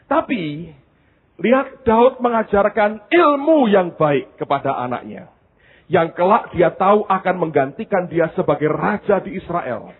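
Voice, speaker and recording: Male pastor, lively storytelling sermon voice, husky, heard over a tinny phone-like line. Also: high voice, a little slow. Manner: animated storytelling, addresses the congregation.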